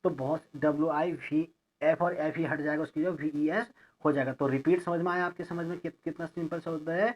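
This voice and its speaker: A man teaching an English grammar lesson, explaining each word slowly, spelling it out letter by letter and checking in with his students. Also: fairly high pitch, steady tone. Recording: lo-fi recording.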